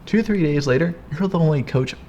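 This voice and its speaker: A young man co-hosting a coaching talk, energetic and emphatic, explaining sales follow-up in a casual teaching chat. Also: on the high side, quick pace, lo-fi sound, slight background noise. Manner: energetic, emphatic, repeats "here's the deal". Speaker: co-host, business coach.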